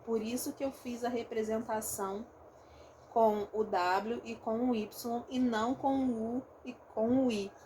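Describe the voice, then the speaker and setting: A woman's voice: a little high, steady tone, unhurried, mellow, a little hiss or hum. A woman with a Rio de Janeiro accent, a phonetics teacher explaining a lesson step by step and often checking in with her students. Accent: Rio de Janeiro Portuguese. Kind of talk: recorded online lesson.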